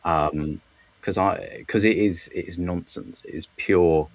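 Deep-voiced wry man talking TV. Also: fairly even intonation. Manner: enthusiastic, wry, halting with restarts. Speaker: TV critic guest. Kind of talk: casual podcast chat.

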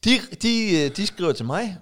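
A middle-aged man co-hosting a casual chat podcast, telling anecdotes animatedly with halting restarts. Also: high-pitched, animated, fairly bright tone. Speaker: podcast co-host.

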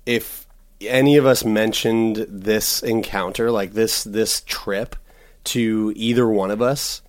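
A man co-hosting a podcast, chatting casually and informally with halting, sweary phrasing. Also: fairly low pitch, steady tone. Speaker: podcast co-host. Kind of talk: casual personal conversation.

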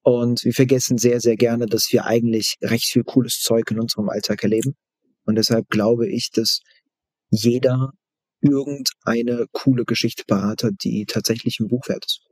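A man of medium pitch talks casually as an expert guest. His intonation stays quite flat, and he repeats phrases haltingly for emphasis. The sound is dry. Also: slightly rough, dry recording. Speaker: guest expert in book marketing. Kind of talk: casual interview talk.

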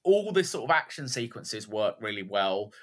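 A man co-hosting a podcast, chatting casually about films in an animated, rambling way. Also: lowish voice, normal speed. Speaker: podcast co-host. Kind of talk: casual film chat.

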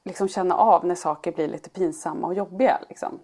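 A woman in casual chat, telling stories and acting out what others said in lively quoted voices. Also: fairly low pitch. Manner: animated storyteller who acts out quoted speech. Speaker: podcast co-host and parent.

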